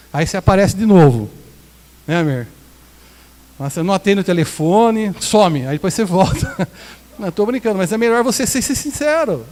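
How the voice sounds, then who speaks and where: A man's voice: sits high, darkish tone, long reverb tail. A Brazilian pastor preaching a sermon in a conversational, joking way, acting out quotes from his congregation. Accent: Brazilian Portuguese. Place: small church hall.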